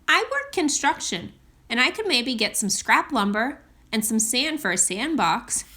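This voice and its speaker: A woman's voice: fairly high pitch, big pitch swings, unhurried, bright, forceful tone, full character voice. A woman voicing a friendly, obliging male construction-worker neighbor in a children's storybook. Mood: helpful. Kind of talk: children's storybook character reading.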